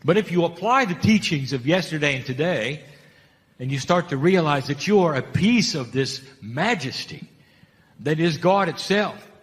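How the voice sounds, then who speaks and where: A man's voice: a little high, expressive, moderate pace, long reverb tail. A man giving a channeled spiritual talk, emphatic, asking rhetorical questions and repeating key phrases.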